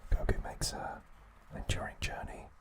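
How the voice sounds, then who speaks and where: A man hosts ASMR, narrating in a hushed, breathy, soothing whisper at an unhurried pace.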